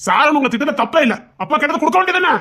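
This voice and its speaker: A pleading little boy in a family comedy skit, as a woman puts him on. His voice is high and fast, and he begs his mother to give in to his dad. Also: animated, bright, forceful tone. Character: young son taking his father's side.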